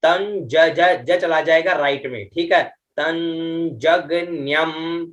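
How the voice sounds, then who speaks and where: A middle-aged man leads an online lesson in Vedic recitation, slowing right down to chant each syllable. His voice sits a little high and sounds bright and forceful, and he keeps checking in with his class. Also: fairly even intonation, muffled recording. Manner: slow, drawn-out chanting of mantra syllables with pitch-accent explanations; patient, repeats "ठीक है" and "है ना" often.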